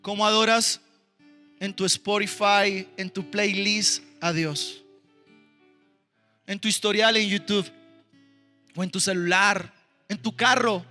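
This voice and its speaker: Male missionary preacher, very high and piercing, animated storyteller; hall reverb, soft music under. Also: slow, long pauses. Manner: animated storytelling, calls on the congregation to respond. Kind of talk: sermon testimony. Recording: roomy hall with music behind.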